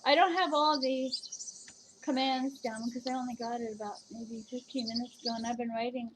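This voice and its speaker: A woman's voice: fairly high pitch, fairly even intonation, a little fast, noisy background. A woman casually chatting at home at her computer, rambling and hesitant, with many fillers and restarts. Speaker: vlogger reviewing virtual canes. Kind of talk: casual chat.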